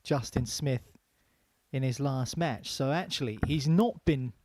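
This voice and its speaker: A man's voice: medium pitch, measured pace, a little mellow. A man giving conversational live commentary on a darts match, with noise and clicks behind him.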